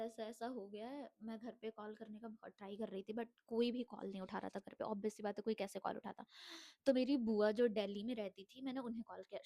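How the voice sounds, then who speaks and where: A young woman with a cough telling her own life story in an earnest vlog monologue, mixing Hindi with English phrases. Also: mid-range voice. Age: young adult. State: unwell, coughing.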